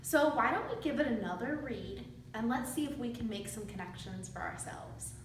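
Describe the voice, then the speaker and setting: Her voice a little high and animated at a moderate pace, a student teacher reads aloud to young children, keeping her instructions simple and questioning them along the way. The recording comes from a distant mic in a very echoey room, with faint noise.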